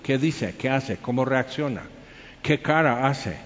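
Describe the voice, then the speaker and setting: A man with a Mexican accent preaching a sermon, animated, firing off rhetorical questions and acting out the people he quotes. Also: medium pitch, a little slow. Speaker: pastor. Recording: echoey hall, dull lo-fi sound.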